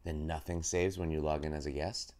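A man's voice: a bass voice, steady tone, fairly quick, a little mellow, a little hiss or hum. A man joking around while chatting on a game stream. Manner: joking, playful. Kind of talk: casual chat on a game stream.

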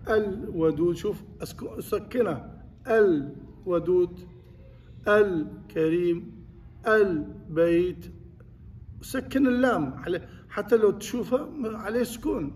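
A man teaching a class on Quran recitation, repeating points and putting questions to his students. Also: sits high. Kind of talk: classroom lesson. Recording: distant mic with faint noise.

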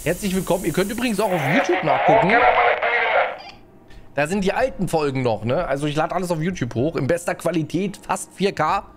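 A man's voice: a little high, animated, a little fast. A man streaming a game live, chatting and greeting viewers as he plays, often tagging his sentences with a questioning "ne?". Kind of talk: live gameplay commentary.

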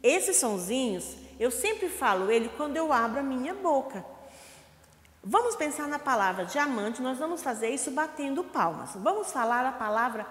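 A Brazilian woman teaching young children in slow, sing-song teacher talk, asking questions and sounding out syllables. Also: high voice, sing-song. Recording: echoey room with long reverb.

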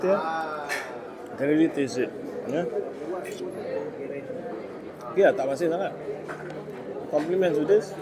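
A Malaysian man in his forties talks through his breakfast in a relaxed food review, slipping between Malay and English with hums between bites. His voice sits a little high for a man. A crowded cafe buzzes loudly with chatter behind him, picked up by a phone at the table. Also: unhurried, long pauses. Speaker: food vlogger. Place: busy indoor cafe. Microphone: phone camera at table. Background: loud diner chatter.

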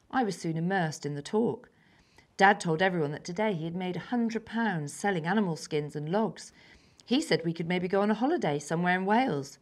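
Young girl reading her own story. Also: on the low side. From England. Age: child, about 10.

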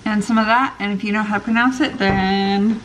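A woman in her thirties chatting casually to a handheld camera at home, relaxed and rambling with fillers. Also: mid-range voice, a little fast, slight background noise, poor audio. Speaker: vlogger. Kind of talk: casual vlog chat. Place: home kitchen and living room. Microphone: handheld camera at arm's length.

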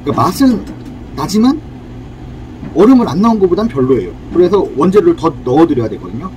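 A man's voice: a little high, very animated, fast, darkish tone, a little hiss or hum, rough recording. A man demonstrating a cafe drink recipe at a counter, explaining each step in a friendly, polite way. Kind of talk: casual cooking demonstration.

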